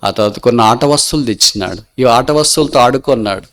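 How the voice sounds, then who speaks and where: A man with an Andhra Telugu accent preaching a sermon as a story, acting out the lines of the people in it and rising to loud, emphatic peaks. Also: mid-range voice, quick pace. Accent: Telugu, Andhra Pradesh.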